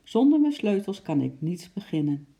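A reader puts on a fretful father from a children's storybook, grumbling about being locked in. The voice is dark and gravelly, pitched a little higher than the reader's own. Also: very animated, moderate pace. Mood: worried. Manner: grumbling, anxious. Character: worried father locked in a zoo building.

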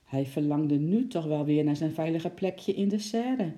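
A storyteller reads a children's book aloud with a very dark, mellow tone. The reading is lively and expressive, and it plays up the sound words. It is a warm, plain read-aloud. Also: mid-range voice, measured pace.

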